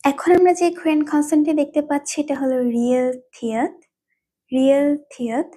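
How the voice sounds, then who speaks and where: A woman teaches a language lesson in a high, warm, soft-edged voice. She explains patiently and repeats each term several times so learners can follow. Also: brisk. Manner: repetitive.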